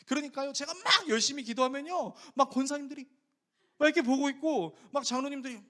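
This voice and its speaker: A man's voice: very high voice, quick pace, a bit bright. A male pastor giving a sermon, telling a story and acting out the prayers and remarks of other people.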